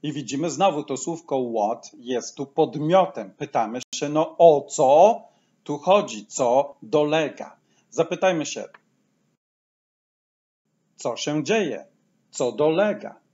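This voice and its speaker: A man gives a patient language lesson, lingering over each example and repeating it slowly. His pitch rises and falls in a lively way. The recording sounds dull and lo-fi. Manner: says each English phrase slowly twice, explaining patiently. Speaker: English teacher.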